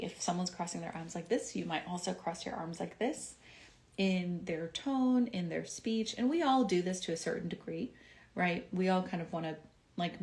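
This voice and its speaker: A woman with a fairly low voice talks casually to viewers on a live stream. Her delivery is loose and conversational, full of "um"s, and now and then she slips into short acted-out quotes. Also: a little mellow. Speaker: physician hosting a live stream.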